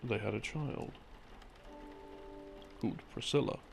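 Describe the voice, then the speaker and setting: Over soft game theme music, a male audio creator in a boyfriend role gives a loose, cozy explanation of lore, full of dry, uncertain side comments. His voice sits fairly low, with vocal fry and a slightly slow pace.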